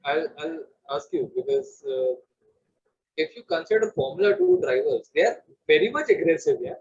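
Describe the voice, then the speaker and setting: A man co-hosting a casual race review podcast, talking in an animated way with big swoops in pitch. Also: moderate pace, husky, dull audio. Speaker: podcast co-host.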